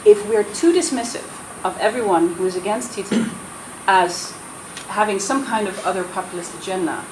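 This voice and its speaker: With lively intonation, a mid-range voice and normal speed, a Dutch woman who grew up in the US pleads her point earnestly and persuasively on a roundtable panel. Her accent is American, she often restarts, and the room is echoey with noise.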